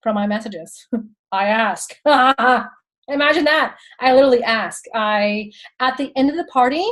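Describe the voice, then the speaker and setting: A chatty Texan woman in her thirties gives sales tips with laughing asides and calls her viewers y'all. Her voice sits high. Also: a little slow, fairly bright tone, poor audio. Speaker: direct-sales consultant and host. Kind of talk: casual how-to talk.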